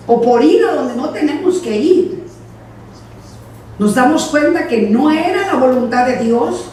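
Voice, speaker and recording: A high-pitched woman pastor preaches a lively sermon. She acts out the voices in her anecdotes. She is picked up from a distance, with heavy church reverb around her. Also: a little hiss or hum. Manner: animated preaching, acting out voices in quotes. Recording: echoey church from far off.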